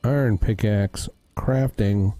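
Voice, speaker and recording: A man's voice: fairly low pitch, slow pace, mellow, dry recording, soft background music. A man hosting a casual gaming livestream, thinking aloud as he fiddles with his audio settings. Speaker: streamer host.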